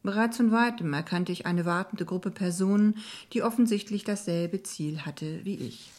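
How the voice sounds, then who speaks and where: A woman narrating an audiobook in the first person, with clear, measured storytelling. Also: mid-range voice, darkish tone.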